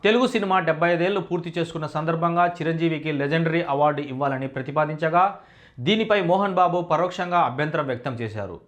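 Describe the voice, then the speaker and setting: A man giving a scripted entertainment news voice-over in a steady, formal reading manner. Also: on the high side, fast talker.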